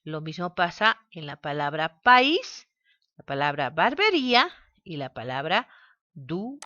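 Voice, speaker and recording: Woman teacher going slow over syllables, kinda lower voice, dull lo-fi audio. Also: big pitch swings, bright, forceful tone, dry recording. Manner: slow, deliberate, spells out syllables. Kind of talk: grammar lesson.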